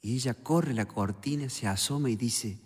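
A man's voice: mid-range voice, moderate pace, long reverb tail, very noisy. A man from Córdoba, Argentina, with a Cordobés accent, doing a stand-up routine in a chatty joke-telling way full of little "viste" and "eh" tags. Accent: Cordobés Argentine Spanish. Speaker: stand-up comedian.

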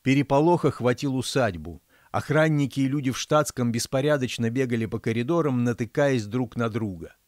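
A man's voice: medium pitch, a little fast, hardly any pauses, a little mellow, dry recording, clean studio sound. Man narrating his fairy-tale audiobook. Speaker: author reading his audiobook.

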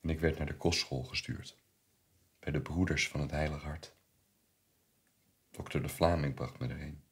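An actor with a Flemish accent playing a troubled man who quietly relives his painful childhood in a stage monologue. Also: steady tone, normal speed, long pauses. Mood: haunted. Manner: subdued, low, haunted storytelling. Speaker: actor playing the narrator Bernard.

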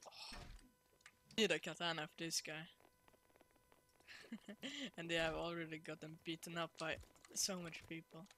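A gamer giving casual gameplay commentary, excitable and laughing, trash-talking the other players. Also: medium pitch, measured pace, pauses often, slight background noise.

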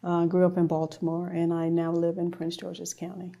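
A woman's voice: on the low side, monotone, normal speed, mellow. A middle-aged woman from Trinidad and Tobago, an officer speaking earnestly in a studio interview. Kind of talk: personal interview.

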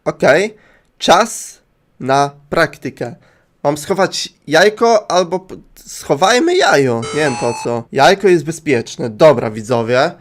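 Man, let's play commentary, fairly high voice, playful and joking, swears casually. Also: animated, takes it slowly. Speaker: gaming YouTuber.

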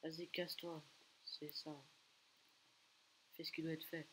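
A gaming video creator rattles off live commentary at his computer, excitable and loud in bursts, taunting nearby players and letting out strings of repeated exclamations. His voice is a little high and unhurried, and the low-quality recording carries a faint hiss.

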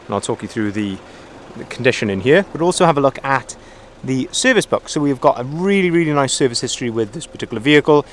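A man, a car salesman, walking around a used pickup outdoors and calmly pointing out its features. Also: medium pitch, quick pace, slight background noise. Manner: friendly, methodical, repeats phrases. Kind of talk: walkaround vehicle review. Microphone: handheld phone camera, filming himself off-screen.

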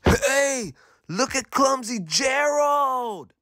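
A man voicing a crowd of jungle animals in a high, squeaky, sneering voice for a storybook. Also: expressive, very slow, pushed and bright, no room sound, clean studio sound, exaggerated voice. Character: jeering crowd of jungle animals, shrill and mocking.

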